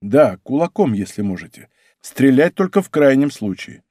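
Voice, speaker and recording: A man voicing a bold young male musketeer who gives quick, commanding orders. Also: medium pitch, big pitch swings, mellow, no echo, studio quality. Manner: brisk, commanding.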